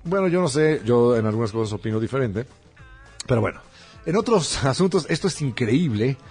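Husky, lively Mexican co-host. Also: male voice, mid-range voice, brisk, soft background music. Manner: teasing, laughs often, slangy. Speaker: comedy show co-host. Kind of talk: casual comedy chat.

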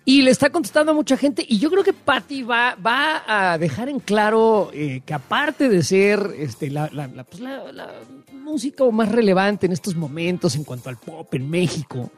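A man's voice: high-pitched, sing-song, moderate pace, faint music behind. A man with a Mexican accent hosting a show, talking casually with sarcastic, joking asides. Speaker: show host. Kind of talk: casual chat.

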